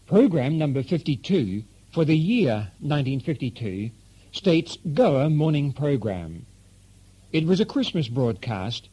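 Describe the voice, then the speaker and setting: A husky-voiced man hosts a radio program with lively, scripted narration. His voice is fairly high for a man and moves around a lot, with a dark tone. It comes off an old worn cassette tape, so the sound is dull and muffled. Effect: replayed from a worn 1980 cassette tape.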